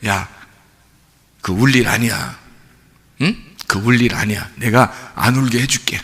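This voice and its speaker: A male pastor voicing a gentle man who consoles a grieving widow in a soft, low voice. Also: slow pace, husky, full character voice. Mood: reassuring. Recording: long reverb of a church hall.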